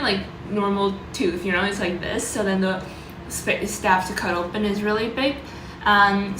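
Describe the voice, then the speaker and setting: A woman vlogger talking informally about her own experience, loosely worded and pausing to search for words. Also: medium pitch, echoey room, background noise. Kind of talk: casual vlog talk, sharing personal experience and tips.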